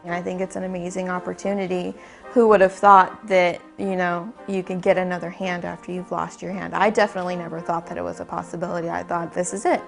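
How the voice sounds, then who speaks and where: A woman's voice: fairly low pitch, flat delivery, quick pace, creaky, faint music behind. A woman in her twenties, speaking candidly in a conversational interview. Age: 20s. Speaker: patient interviewee.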